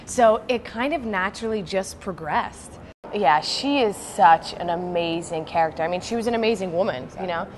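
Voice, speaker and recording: Animated actress telling an interview story. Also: female voice, on the low side, moderate pace, slight background noise. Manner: animated, acts out quoted voices, fillers like "like" and "you know".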